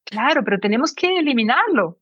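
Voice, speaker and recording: Woman, higher voice, dry, muffled sound. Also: fairly quick, no echo. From Brazil. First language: Portuguese. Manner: lively, explains with examples. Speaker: guest, Spanish teacher. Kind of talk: explanatory interview talk.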